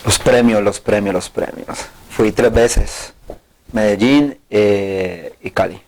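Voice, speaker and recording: Slow-talking man guest with a lowish voice. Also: a little mellow. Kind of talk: casual interview.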